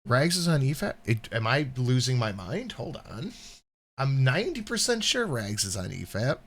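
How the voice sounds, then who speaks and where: Animated, joking man bantering on a stream. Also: medium pitch, normal speed. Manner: joking, profane, teasing. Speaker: co-host of a reaction stream. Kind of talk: casual banter reacting to a video and chat.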